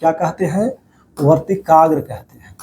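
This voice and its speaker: A man's voice: on the high side, normal speed, mellow, a little hiss or hum. A man teaching a biology class over diagrams, repeating each key term as a question to his students and calling them "babu".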